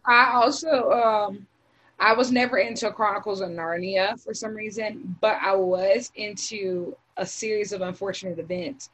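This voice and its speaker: A young American woman chatting casually on a podcast. She talks in long, loose runs packed with fillers and restarts, and her voice sits at a middle pitch. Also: steady tone, moderate pace, fairly bright tone, rough recording. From United States. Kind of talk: casual group chat.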